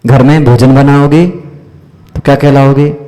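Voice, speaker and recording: Slow, higher-voiced man teaching in a reverberant hall. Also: flat delivery, warm tone. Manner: quizzes listeners with questions and repeated "isn't it?" checks. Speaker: Jain monk teaching a class. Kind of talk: religious teaching discourse.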